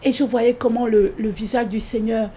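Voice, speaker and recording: Woman, interview guest, earnest spoken testimony, slightly high pitch, repetitive and hesitant. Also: steady tone, normal speed, warm tone, breathy edge. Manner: rises sharply in pitch when quoting her own pleas. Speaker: guest giving a religious testimony.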